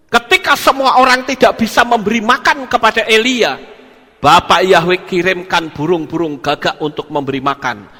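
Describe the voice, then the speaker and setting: A male pastor preaching a sermon to his congregation, talking animatedly and acting out conversations. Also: sits high. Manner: animated preaching, acting out dialogue, repeated "saudara-saudara". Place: church hall. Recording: long reverb of a large hall.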